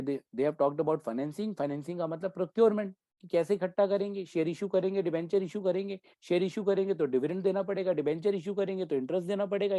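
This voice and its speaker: Mellow-voiced man teaching a class. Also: high voice, no room sound. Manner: keeps checking in with students; mixes Hindi with English terms. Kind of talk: exam-prep commerce lecture.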